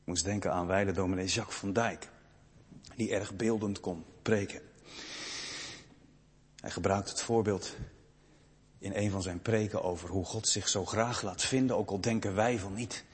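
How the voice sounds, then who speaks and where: A young man preaches, with a deeply husky, breathy voice. He drops to hushed, slow passages, then swells into loud, fervent rises. Every word rings with the long reverb of a church hall. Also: fairly even intonation. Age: young adult. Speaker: pastor. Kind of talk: sermon.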